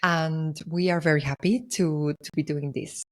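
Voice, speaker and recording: Low-voiced woman from Argentina hosting a podcast. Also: fairly even intonation, normal speed. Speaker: podcast host. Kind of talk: personal storytelling monologue.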